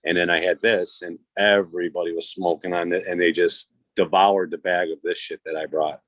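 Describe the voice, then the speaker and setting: A man's voice: low voice, little pitch movement, brisk, a bit bright, no room sound. A man in casual conversation, talking in a laid-back, slangy way with frequent swearing. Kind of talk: casual chat.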